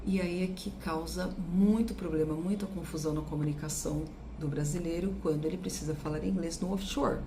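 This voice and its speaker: A Brazilian woman teaching English pronunciation, drilling words with deliberate, exaggerated repetitions. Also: on the low side, steady tone, noisy background. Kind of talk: pronunciation lesson.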